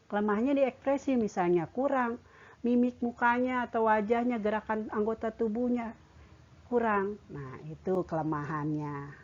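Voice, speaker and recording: A woman's voice: mid-range voice, a little mellow, lo-fi sound. A woman primary school teacher, patiently explaining words and repeating herself as she teaches. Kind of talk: online classroom lesson.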